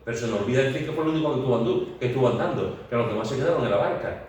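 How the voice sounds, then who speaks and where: A man teaches a Bible study group, retelling the scene vividly and stopping often to restart his sentences. His voice sits at a middle pitch. It rings around a very echoey church room, picked up by a mic well away from him, with a faint hiss underneath. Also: very fast, distant mic. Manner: vivid storytelling, acting out scenes with shouts and sound words; many fillers and restarts.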